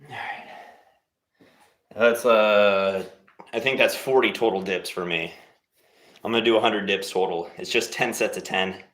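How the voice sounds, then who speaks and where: A low-voiced man chats loosely on a live stream while he exercises at home. He wanders between jokes and offhand encouragement for his viewers. The room has a noticeable echo. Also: unhurried, long pauses, fairly bright tone. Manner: laid-back, rambling, jokey encouragement. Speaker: livestream host leading a workout. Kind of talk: casual live-stream chat. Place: home workout space. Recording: roomy echo.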